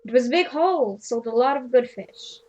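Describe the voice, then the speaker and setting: Woman voicing a fisherman back from the sea, hearty, shaky accent attempt, higher pitch. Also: muffled recording, lightly acted. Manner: hearty sailor greeting, halting attempt at an accent. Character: weathered adult male fisherman back from sea. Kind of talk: voicing game dialogue aloud.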